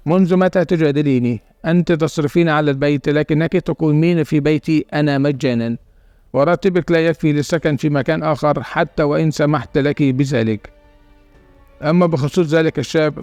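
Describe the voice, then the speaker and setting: A man voicing a stern, controlling elderly grandmother in a spoken story, with a gravelly, fast delivery. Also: on the high side, darkish tone, no echo. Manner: stern, commanding.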